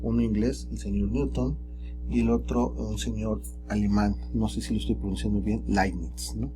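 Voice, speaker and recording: A man teaching calculus in a relaxed, chatty way, often tagging his sentences with rhetorical questions. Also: on the low side, moderate pace, music in the background. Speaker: math teacher. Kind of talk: recorded screen lesson.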